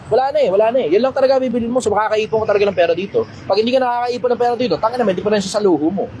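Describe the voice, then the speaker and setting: A man hosting a casual livestream Q&A, talking bluntly, swearing casually and getting loud when he makes a point. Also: high voice, rapid-fire, background noise. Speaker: livestream host answering questions.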